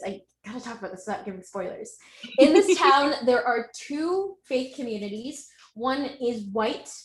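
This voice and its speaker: A woman's voice: fairly high pitch, a bit bright, roomy sound, low-quality recording. A woman author answering questions at an online book launch. She speaks casually and hesitantly, with many ums and self-corrections. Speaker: author being interviewed.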